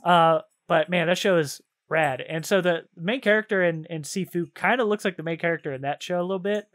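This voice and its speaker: A podcast co-host with a slightly high, somewhat bright voice talks fairly quickly. He rambles enthusiastically in loose slang, like a casual conversation about games and shows.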